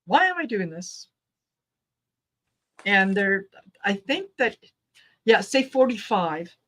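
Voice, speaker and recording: Slow-talking woman reading tarot. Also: medium pitch, big pitch swings, a bit bright. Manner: slow, chatty, acts out quoted voices. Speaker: tarot reader host. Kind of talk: casual chat reading tarot cards.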